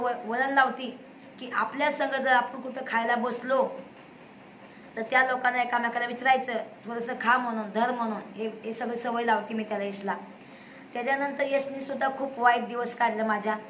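A woman's voice: a little high, a bit bright. Emphatic woman in an echoey room. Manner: emphatic, repetitive, indignant. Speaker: vlogger, single mother. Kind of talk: personal storytelling to viewers. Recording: echoey room with faint noise.

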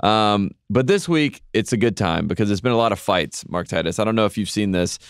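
Low, smooth-voiced man telling stories. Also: animated, brisk, no room sound, studio quality. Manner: storytelling, wry and joking. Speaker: podcast co-host. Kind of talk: casual podcast chat.

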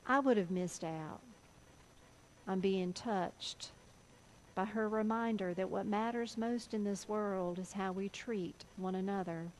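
A woman pastor with a Southern US accent, telling a story in a sermon with an earnest, measured delivery. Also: mid-range voice, a little hiss or hum, rough recording.

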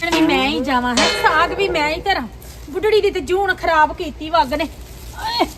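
A woman playing an overworked old mother-in-law who sighs, complains and keeps hushing others. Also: extremely high pitch, normal speed, music in the background. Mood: grumbling. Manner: sighing, complaining, hushes others.

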